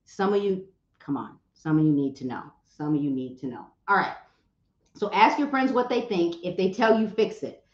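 A woman giving social media advice to an audience, talking in a direct, teasing and animated way. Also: lowish voice, moderate pace. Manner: animated, direct, teasing, acts out quoted voices. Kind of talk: motivational talk to an audience. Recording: roomy, slightly dull sound.

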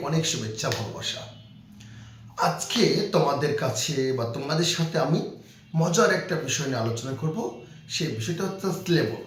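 Male teacher, slightly high voice, patient repetitive kids' lesson, very reverberant room. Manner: slow, repetitive explaining to young kids. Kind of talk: children's grammar lesson. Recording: very echoey room.

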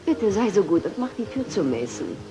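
A woman's voice: medium pitch, big pitch swings, fairly quick, loud music behind the voice. An actress dubbing a scheming, sarcastic woman with expensive tastes in a soap opera. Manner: coy, mocking. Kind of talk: German-dubbed soap opera acting.

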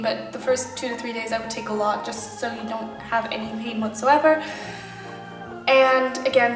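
Young woman, slightly high voice, casual vlog chat, echoey kitchen, music behind. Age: young adult. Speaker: vlogger. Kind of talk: casual personal chat to camera. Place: indoor home kitchen.

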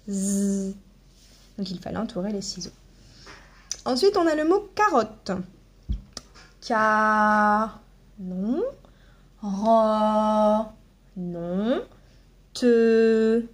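A woman teaching a phonics lesson to young children, slowly sounding out each syllable with long buzzing sounds and checking in with them after each point. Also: mid-range voice, darkish tone, slightly rough. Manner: slow, deliberate, sounds out syllables with drawn-out buzzing. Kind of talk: primary-school phonics lesson.

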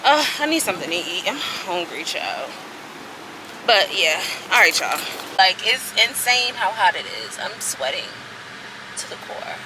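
A lifestyle vlogger with a mid-range, sing-song voice chats to the camera at a measured pace. She's heavy on "y'all" when addressing her viewers. The clip is noisy outdoor camera audio.

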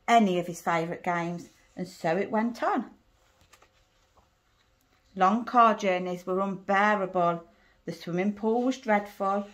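In a small, cosy sitting room, a handheld phone a short way off records a middle-aged woman reading a picture book to children. She is a primary school teacher with a medium-pitched voice, telling the story in an expressive, deliberate way, and the phone recording has a roomy echo.

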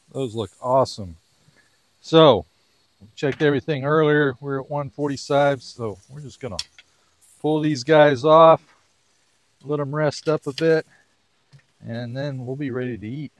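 A relaxed man talks through his grilling steps in a casual how-to video, chatty and easygoing. His voice sits at an ordinary middle pitch. The sound is dry and close, with no room echo. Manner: easygoing, chatty, step-by-step explaining. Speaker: pool designer giving grilling tips. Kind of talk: casual how-to cooking vlog.

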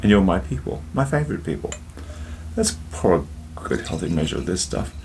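A man's voice: sits low, very animated, a little fast, darkish tone, a little hiss or hum. A man hosting a casual drinks review vlog, chatty and jokey, talking straight to his viewers and telling a joke along the way.

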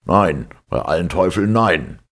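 A man voicing an angry, blustering sea captain who shouts loud, furious outbursts. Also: a bass voice, lively intonation, normal speed, creaky, husky, full character voice.

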